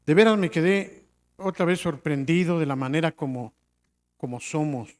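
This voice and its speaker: Preaching at normal speed in a voice on the high side, a middle-aged man addresses his congregation with rhetorical questions. His delivery alternates between forceful, loud passages and sudden quiet moments.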